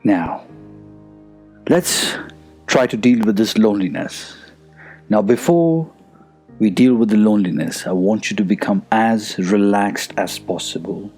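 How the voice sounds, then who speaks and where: In a fairly low, husky voice, a man leads a guided meditation, speaking very slowly and soothingly and sometimes dropping to a hush. He leaves generous pauses between phrases while soft music plays faintly behind him.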